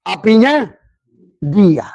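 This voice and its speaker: Indonesian-accented male preacher, emphatic and rising, fairly high gravelly voice. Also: big pitch swings, very slow, darkish tone, no room sound, muffled recording. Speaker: religious teacher. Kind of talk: Islamic sermon.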